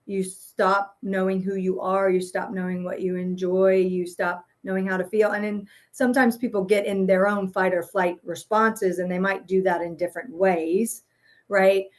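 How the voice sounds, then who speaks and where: A woman therapist and parent, appearing as a guest, explains things casually in a loose, searching way, peppering her talk with "um" and "right?" as she works through it. Her voice is medium-pitched and level, at a normal speed.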